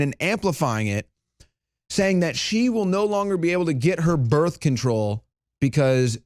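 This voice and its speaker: Indignant fast-talking male commentator. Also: fairly high pitch, no room sound, studio quality. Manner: indignant, rising to loud emphatic peaks. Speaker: news commentator. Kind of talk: opinionated news commentary.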